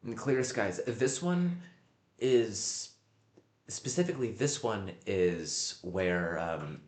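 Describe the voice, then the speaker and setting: Deep-voiced man rambling on stream, echoey room. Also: lively intonation. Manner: halting, often repeating and searching for words. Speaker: livestreamer. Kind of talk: casual rambling livestream commentary.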